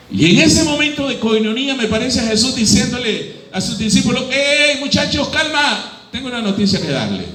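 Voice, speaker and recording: A Nicaraguan man preaching a Sunday sermon as pastor, often asking the congregation questions. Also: sits high. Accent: Nicaraguan Spanish. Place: church hall. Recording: echoey church hall.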